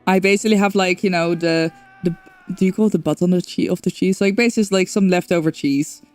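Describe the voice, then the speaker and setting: A woman from the Netherlands chats casually with a Dutch accent while streaming a game, rambling with lots of fillers. Her voice is on the low side, fast and a little mellow, with fairly even intonation, and soft music plays in the background.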